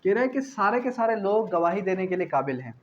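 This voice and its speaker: Talking fast in a high, sing-song voice, a Pakistani-accented man delivers an exam-prep law lecture, alternating between reading out legal clauses and explaining them. He teaches didactically, repeating key phrases and posing questions he then answers himself, on dull, lo-fi audio with faint noise.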